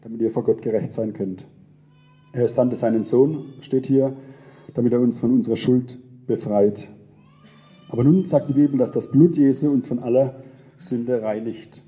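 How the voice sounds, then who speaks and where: A man preaching a sermon in a church, earnest and gentle, repeating key phrases. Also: medium pitch, moderate pace, faint music behind. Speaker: pastor.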